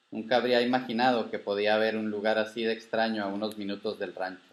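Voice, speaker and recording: Calm man reading a storybook. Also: fairly low pitch, roomy sound. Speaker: author reading his own story.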